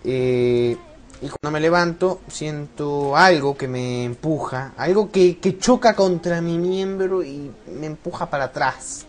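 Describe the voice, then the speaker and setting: A Rioplatense teen boy does rambling let's-play commentary, swearing a lot in his Rioplatense Spanish. His voice is a little high and a little slow, and his loose desk mic keeps slipping.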